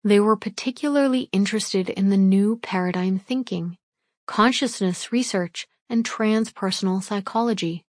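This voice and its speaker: A woman reading a first-person memoir aloud in a measured, steady narration. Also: medium pitch, no echo, studio quality. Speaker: audiobook narrator.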